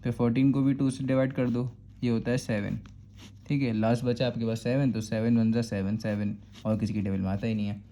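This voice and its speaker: A man's voice: medium pitch, flat delivery, brisk, mellow. Patient Karachi Urdu man teaching math. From Pakistan. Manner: patient, repeats "thik hai" to check understanding. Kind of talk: step-by-step math lesson.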